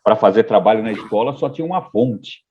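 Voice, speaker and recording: A man's voice: on the low side, expressive, fairly quick, dark tone, highs cut off. A man as a podcast guest, talking in a reflective, hesitant way with frequent restarts. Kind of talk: casual podcast conversation.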